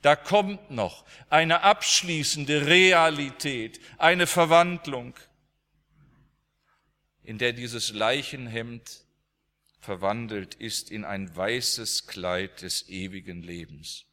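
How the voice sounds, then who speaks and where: A man's voice: medium pitch, takes it slowly, bright, forceful tone. A male preacher delivering a sermon as dramatic storytelling, with emphatic swings in his voice. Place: church. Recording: long church reverb.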